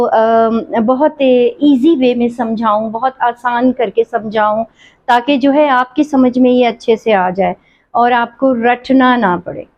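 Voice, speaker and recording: A woman teaching an English grammar lesson, reading quiz sentences slowly and explaining them quickly in between. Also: a little high. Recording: dull lo-fi sound.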